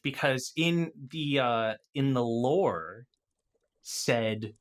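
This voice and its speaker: A man with a medium-pitched voice speaks extremely slowly in a casual gaming discussion. Talking as a seasoned dungeon master, he comes across animated and opinionated.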